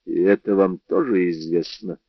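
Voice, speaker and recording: A man's voice: deep voice, fairly even intonation, normal speed, dry recording. Tense, pressing man in a storybook reading, read by a male narrator, dull dry sound.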